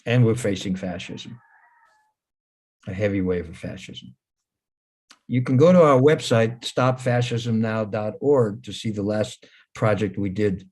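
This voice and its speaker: A Hebrew-speaking man in his seventies gives a casual talk over a video call, plain-spoken and wry, often repeating his words. His voice is fairly low and a little mellow.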